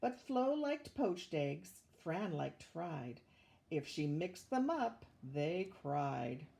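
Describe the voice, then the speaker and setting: An older woman reading a rhyming children's picture book aloud with measured, expressive storytelling. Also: on the low side, creaky. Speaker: volunteer storybook reader, retired teacher.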